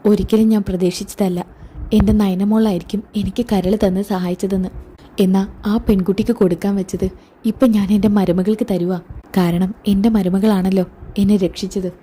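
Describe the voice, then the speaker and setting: A woman's voice: medium pitch, fairly even intonation, normal speed, warm tone, husky, natural voice. A woman voicing a remorseful older mother-in-law who speaks tenderly. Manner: tender, pleading.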